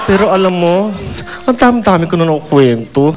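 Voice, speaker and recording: Campy guy doing stand-up, fairly high voice, swoops all over, croaks like a frog for laughs. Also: expressive, brisk. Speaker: stand-up comedian. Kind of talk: stand-up comedy storytelling. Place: comedy bar stage.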